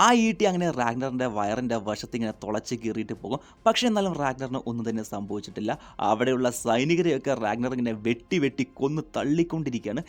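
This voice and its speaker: A man with a Malayali accent retelling the events of a TV episode in a casual spoken way, briefly slowing down to quote the characters. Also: mid-range voice. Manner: retells events in plain spoken style, quoting characters in a slower voice. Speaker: recap narrator.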